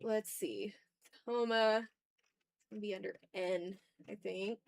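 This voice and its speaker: Her medium-pitched voice is fairly even, slow, and carries vocal fry. She's an art streamer drawing live, talking casually with her viewers and quietly narrating each step to herself.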